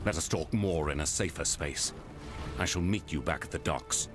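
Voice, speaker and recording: A formal, wry man of faith in a video game who carries a strange spirit inside him. His voice is very low, and his speech is theatrical. Clear game music plays behind him. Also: normal speed.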